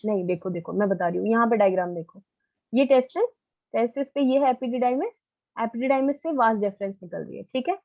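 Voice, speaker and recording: A woman's voice: fairly high pitch, lively intonation, normal speed, no room sound, dull audio. A woman biology teacher giving a live online lecture, coaxing answers out of her students in a familiar, quizzing way.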